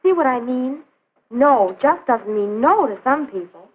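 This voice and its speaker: A narrow old film soundtrack carries an outspoken teenage girl from the 1950s. Her voice is high and a little breathy, with skeptical, emphatic delivery. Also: animated, a little slow, exaggerated voice. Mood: skeptical, earnest. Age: teens or young adult. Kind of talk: 1950s educational film acting.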